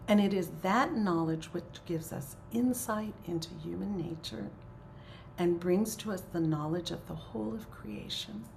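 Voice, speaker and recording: A woman leading a prayer circle, speaking gently in a soft, often half-whispered way during a spiritual talk and prayer. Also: on the low side, unhurried, vocal fry, slight background noise.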